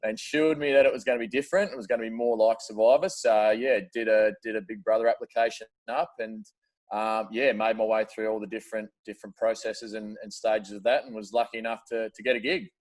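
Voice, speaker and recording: A man's voice: fairly low pitch, steady tone, fast talker. An Australian man in his thirties, a podcast guest telling stories in casual chat, with lots of "uh" fillers and casual swearing. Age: 30s. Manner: chatty storyteller, frequent "uh" fillers, casual swearing.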